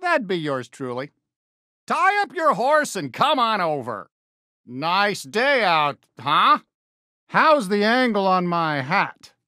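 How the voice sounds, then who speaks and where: A man voicing a friendly toy cowboy sheriff for a video game, with an American accent and a folksy, eager, expressive drawl. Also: sits high, slow pace, no room sound, clean studio sound, exaggerated voice. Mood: warm, cheerful. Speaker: video game character greeting players. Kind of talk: animated game voice lines.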